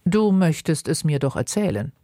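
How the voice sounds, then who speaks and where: A woman reading aloud and voicing a fussy, excitable middle-aged mother who is desperate to marry off her daughters, speaking in a shrill, insistent, gushing way. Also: moderate pace, no echo, studio quality. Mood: eager, insistent. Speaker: reader. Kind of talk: dramatized audiobook reading.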